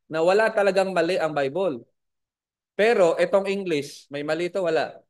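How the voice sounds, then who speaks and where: Man, Bible school teacher, slightly high voice, spells words out, quizzes the class. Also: normal speed. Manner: spells out words letter by letter, asks class questions.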